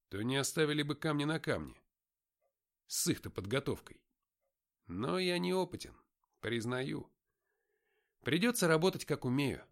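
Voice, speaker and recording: A man reads an audiobook in the first person, voicing the hero's wry inner monologue. His delivery is expressive, with lively swings in pitch. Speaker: audiobook narrator.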